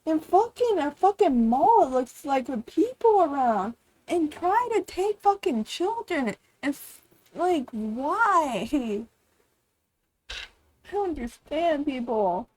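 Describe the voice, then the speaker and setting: A young-sounding woman reacting to videos on her live stream. Her voice sits on the high side. She rambles in loose, casual sentences full of filler words and swearing. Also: very animated, slow pace, a little mellow, rough recording. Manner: rambling, heavy "like" and "bro" fillers, frequent swearing.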